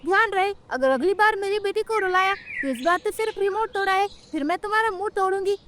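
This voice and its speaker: Brief: woman voicing a loud, bossy mother crow for a cartoon, very high voice, faint hiss behind. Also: brisk. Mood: angry. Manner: scolding, threatening. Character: hot-tempered mother crow, loud and threatening.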